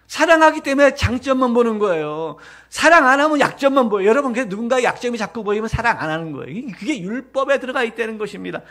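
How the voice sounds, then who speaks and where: A middle-aged man preaching a Sunday sermon as pastor, animated and joking, often mimicking other people's voices. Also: very high-pitched. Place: church sanctuary.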